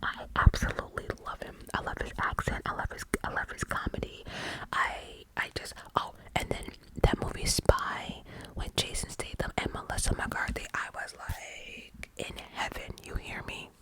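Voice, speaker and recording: An ASMR host whispers breathily into a cupped hand very close to the microphone, answering questions in an informal, rambling way. The pace is normal and the audio quality is poor.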